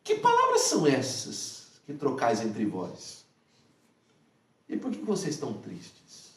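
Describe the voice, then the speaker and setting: A man voicing a calm, gentle figure who asks soft questions, recorded from afar in a roomy hall. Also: medium pitch, takes it slowly, voice pushed down. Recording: echoey hall, from far off.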